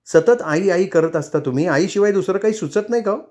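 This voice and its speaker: A man's voice: a little high, a little fast, warm tone, voice pushed up, natural voice. A man reading aloud and voicing a hurt, quarrelsome young wife in a storybook reading. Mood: reproachful. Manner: plaintive and reproachful.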